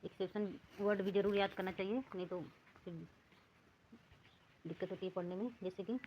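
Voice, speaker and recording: A woman teaching English reading rules, saying words one at a time and repeating them slowly. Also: medium pitch, steady tone, a little mellow, slight background noise, poor audio. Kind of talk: lesson.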